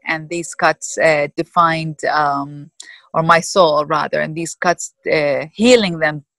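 A woman in her fifties from Iraq, answering interview questions thoughtfully with many pauses and fillers. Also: on the low side, a bit bright, no room sound, rough recording. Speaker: guest.

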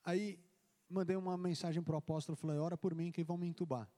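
Animated pastor in a reverberant hall. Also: male voice, high voice, fast. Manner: animated storytelling, acting out dialogue. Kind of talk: testimony in a church service. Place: church hall. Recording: long church hall reverb.

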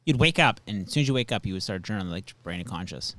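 A man's voice: fairly low pitch, animated, rapid-fire, a bit bright, no echo. A man, a stand-up comedian, telling stories in a rambling casual chat full of fillers. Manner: rambling, filler-heavy storytelling.

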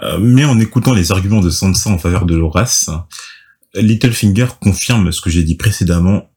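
Young man, very deep voice, casual book talk, halting, many fillers. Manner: relaxed, hesitant, many fillers and restarts. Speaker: podcast host reading and discussing a novel. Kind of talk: casual chat with read-aloud summary.

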